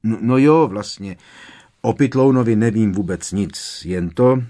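Guy doing a grave, thinking-hard wizard man, lowish voice, storybook reading. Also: warm tone, natural voice. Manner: grave, thoughtful.

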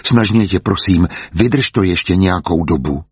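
A man reading the part of a caring mother who gently coaxes her daughter, in his own voice. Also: sits low, husky, no room sound. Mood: coaxing. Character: caring mother, adult woman, gently persuasive.

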